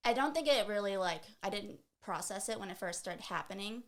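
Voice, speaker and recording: A woman's voice: mid-range voice, lively intonation, fairly quick. A woman guest on a casual podcast, chatting in a laid-back, giggly way with many fillers. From Dallas, USA.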